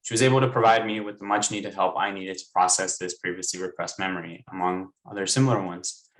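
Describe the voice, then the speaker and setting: A man's voice: lowish voice, fairly bright tone, poor audio. A young man raised in Maryland, speaking on an online panel and then earnestly reading a book excerpt aloud over a video call. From United States (raised in Maryland).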